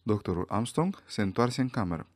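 A man narrating a mystery audiobook in an expressive, dramatic way. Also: lowish voice, no room sound.

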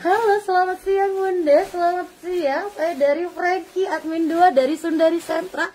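A woman imitating a courteous male shop admin answering the phone in a slow, sing-song customer-service lilt. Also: very high-pitched, steady tone, mellow, a little hiss or hum, pitched above the performer's own voice. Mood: sing-song polite.

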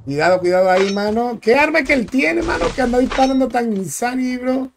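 Over background noise, a young Dominican streamer's extremely high, animated voice comes through brisk and with vocal fry. Speaking with a Dominican Spanish accent, he casually comments on his gameplay, using slang and welcoming viewers by name.

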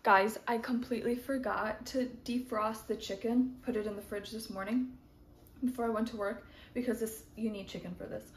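A young woman narrates her home cooking in a casual, rambling way, filling pauses with ums. Her voice sits a little high. The sound is echoey, with loud frying and sizzling behind her. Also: steady tone. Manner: chatty, self-narrating, with frequent ums. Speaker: cooking vlogger. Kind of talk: casual cooking vlog chat. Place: home kitchen. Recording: echoey kitchen with sizzling noise.

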